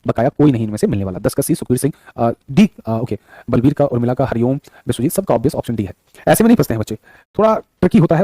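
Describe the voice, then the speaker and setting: Rapid-fire man teaching a live class. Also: medium pitch, warm tone, no echo. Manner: repetitive and affectionate, calls students son and brother; reads viewers' chat aloud. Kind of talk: live online exam-prep class. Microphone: studio microphone.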